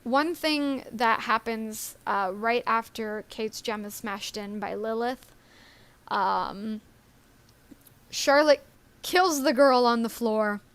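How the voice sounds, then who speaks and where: A woman's voice: fairly high pitch, slow pace, fairly bright tone, clean tone. A woman co-hosting a casual live stream, talking in a chatty, rambling way with many ums and little laughs. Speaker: story creator and stream co-host.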